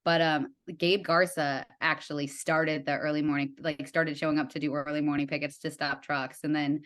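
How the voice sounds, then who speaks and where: A young adult woman, a guest in a casual conversation, telling stories in an animated way with lots of fillers and acted-out quotes. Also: low-pitched, normal speed. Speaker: guest, writer and art director.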